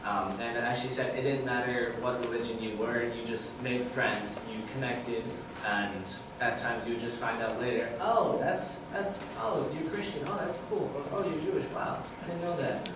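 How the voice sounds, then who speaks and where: A man's voice: mid-range voice, moderate pace, hardly any pauses. Young man in a noisy echoey hall. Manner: relaxed, reflective, with fillers. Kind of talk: personal testimony at forum. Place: large church hall with audience. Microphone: far camera, no mic. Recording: echoey hall, distant, with noise.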